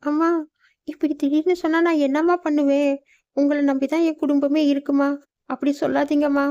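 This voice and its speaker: A weary cartoon mother who works as a maid. She talks earnestly and soothingly in a fairly high voice, on a slightly dull recording. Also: level tone, fairly quick, mellow. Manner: earnest, reasoning and reassuring. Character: poor weary mother, a housemaid.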